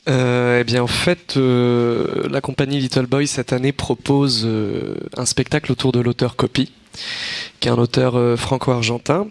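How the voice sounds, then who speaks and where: Gravelly man, flat and hesitant. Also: medium pitch, a little slow. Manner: hesitant, many fillers. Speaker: theatre company member. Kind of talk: studio talk guest.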